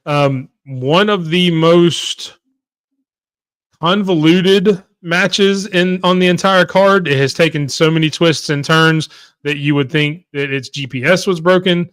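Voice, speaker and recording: A man's voice: on the high side, takes it slowly, a bit bright, smooth, no room sound. Man talking wrestling, dry close sound. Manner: conversational, reads out viewer comments. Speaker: podcast co-host. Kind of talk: casual wrestling chat.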